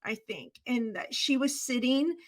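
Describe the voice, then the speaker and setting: A woman's voice: high-pitched, measured pace. A woman podcast host in casual conversation, telling a story in an earnest, heartfelt way.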